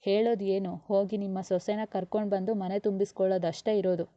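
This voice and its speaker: A woman's voice: medium pitch, flat delivery, fast, no room sound, lo-fi sound, natural voice. A woman playing an indignant younger sister. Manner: indignant, sarcastic.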